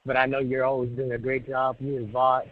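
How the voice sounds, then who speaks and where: A man's voice: mid-range voice, monotone, brisk. A man calling in to a sports talk show, his voice muffled because the phone is held away from his mouth, talking in a laid-back, rambling way. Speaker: sports radio caller. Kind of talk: casual call-in chat. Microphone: phone on speaker, held away. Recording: muffled, tinny phone line.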